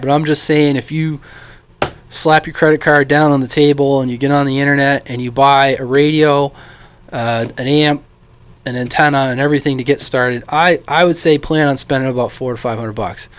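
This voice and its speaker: The voice is a man's, pitched on the high side and free of echo. He's an American radio hobbyist delivering a rambling, blunt, opinionated monologue in a casual vlog.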